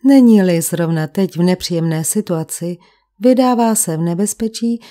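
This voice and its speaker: A woman reading the lines of a calm, probing middle-aged male police commissioner in an audiobook, with measured, gentle questioning. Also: on the low side, lightly acted. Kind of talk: audiobook character voice.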